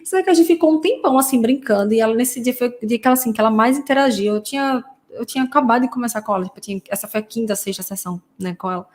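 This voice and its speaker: Brazilian therapist lady teaching parents, kinda high voice, chatty, keeps doing little sound effects and asking "right?". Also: very fast. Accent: Brazilian Portuguese. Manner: playful, acts out sound effects, frequent tag questions. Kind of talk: casual teaching talk to parents.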